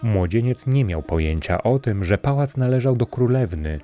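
A man narrating a fairy tale in a measured, steady storybook reading. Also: medium pitch. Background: faint music.

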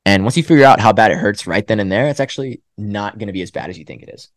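A man's voice: fairly low pitch, lively intonation, rapid-fire, no echo, studio quality. A young man, a college runner, telling a story in a casual podcast interview, acting out his own self-talk. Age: young adult. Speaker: guest, college track runner. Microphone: podcast microphone.

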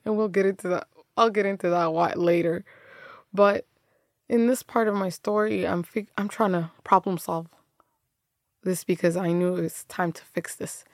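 A woman's voice: on the low side, steady tone, moderate pace, creaky, no echo, studio quality. A young woman telling her own story in a candid, conversational way, often laughing and restarting her sentences. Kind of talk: personal storytelling monologue.

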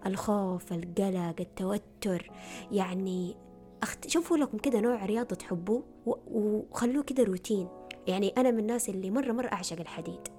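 A woman's voice: mid-range voice, warm tone. A woman giving earnest self-help advice in a casual talk to camera, often repeating words for emphasis.

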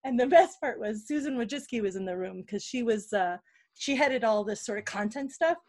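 Bubbly high-voiced woman telling stories. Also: moderate pace. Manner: animated, laughs often, acts out quotes. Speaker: podcast guest. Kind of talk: casual storytelling interview.

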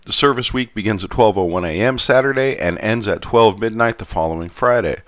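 A man voicing a genteel Southern gentleman who reads aloud in a measured, formal manner with a Southern US accent. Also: on the low side, dry recording, close to an everyday voice. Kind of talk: scripted reading.

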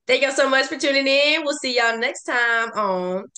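Animated woman joking around. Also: high-pitched, normal speed. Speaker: podcast co-host. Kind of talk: casual podcast chat.

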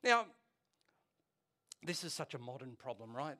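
A forties-aged pastor delivers a conversational sermon in a medium-pitched, very animated voice that's bright and forceful, moving a little slowly. He keeps it casual and jokey, chatting with the congregation and often asking them questions.

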